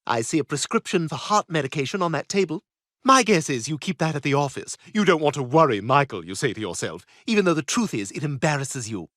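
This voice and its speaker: A man's voice: a little high, expressive, a little fast, fairly bright tone, dry recording, studio quality. An actor voicing a snobbish, catty British baby boy in a cartoon, talking in a posh, cutting, theatrical way. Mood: probing. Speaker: patient. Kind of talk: cartoon voice acting.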